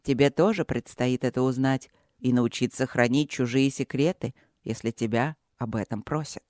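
A narrator voicing a calm dragon blade master who speaks in an unhurried, gently patronizing way. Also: medium pitch, dry recording, studio quality, voice pushed down, close to an everyday voice.

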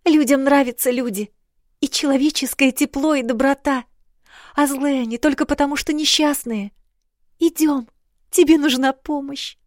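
A woman reading an audiobook, voicing a fragile young princess who is sweet, anxious and chatty, her lines high and gushing. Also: steady tone, normal speed, dry recording, studio quality, lightly acted. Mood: earnest. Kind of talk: audiobook character voice.

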